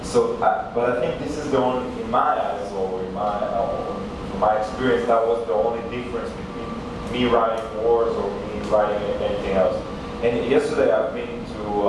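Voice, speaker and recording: A man with an Israeli accent speaks from a panel table, picked up from far back in a large, very echoey hall. A steady hiss of noise sits under his voice. He tells a story with plenty of restarts and hesitations. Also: lowish voice, moderate pace. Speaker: panelist, author. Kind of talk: panel discussion answer. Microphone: table mic, recorded by a far camera.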